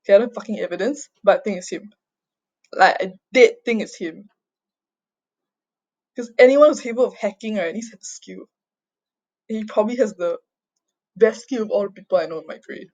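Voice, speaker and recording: Sounding distressed and agitated, a young woman from Singapore who grew up mostly overseas shares an unscripted personal account as a vlogger. Her speech is halting, repetitive and sweary, with frequent "okay?" tags, in a medium-pitched, darkish voice. It was recorded at home, lo-fi and dull.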